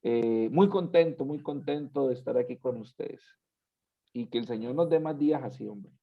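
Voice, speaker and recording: A man voicing a tired, drained man preacher who greets his congregation slowly and without enthusiasm, in a dull lo-fi recording. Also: a little high, fairly even intonation, natural voice. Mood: weary. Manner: slow, drained and unenthusiastic.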